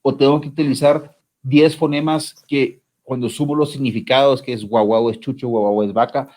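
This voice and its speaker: A man's voice: mid-range voice, fairly even intonation, moderate pace, a little mellow. Rambling man asking questions. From Guatemala. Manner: rambling, hesitant questions with many "eh" fillers. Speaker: interviewer host. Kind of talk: interview questions.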